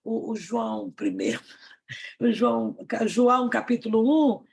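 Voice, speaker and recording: Woman, student, very gravelly, husky, hesitant reading. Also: on the high side, fairly even intonation. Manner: hesitant, reads aloud haltingly.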